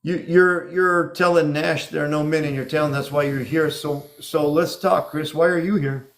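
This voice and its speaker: A man's voice: on the high side, steady tone, normal speed, gravelly. A man hosting a casual live show, talking in an encouraging way and repeating phrases for emphasis. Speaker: live dating show host.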